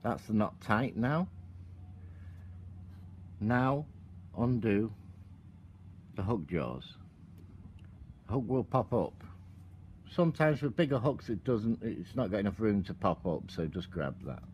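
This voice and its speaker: A man with a low voice talks slowly through a hands-on tutorial, calm and instructive, describing each step as he works. He sits at a table outdoors with a camera above, and a faint outdoor hum sits behind him. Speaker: product demonstrator.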